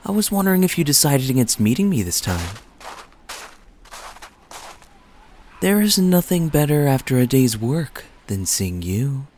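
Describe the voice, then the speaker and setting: A man's voice: medium pitch, very animated, normal speed, a little mellow, slight background noise, close to an everyday voice. Man playing suave, teasing Kaeya, swooping flirtatious lilt. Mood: pleased, teasing. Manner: smooth-talking, playful, coy, lingering phrasing. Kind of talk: romantic interactive audio roleplay, spoken to the listener.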